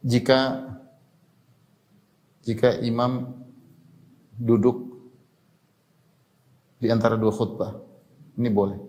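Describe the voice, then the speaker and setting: A man's voice: medium pitch, vocal fry, a little mellow. Man giving a repetitive religious lecture. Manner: explanatory, repeats key points, tags phrases with "ya". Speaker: Islamic preacher.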